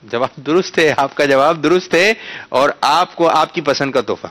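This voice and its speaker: A man hosting a quiz for children, coaxing them patiently to pronounce words correctly and breaking into loud announcements when they get it right. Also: fairly high pitch.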